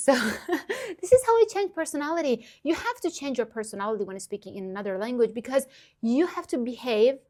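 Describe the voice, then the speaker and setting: A woman in her twenties from Iran, a native Persian speaker, offers earnest, upbeat language-learning advice directly to the camera in a tutorial vlog, laughing softly and often. Her voice is medium-pitched and a little mellow.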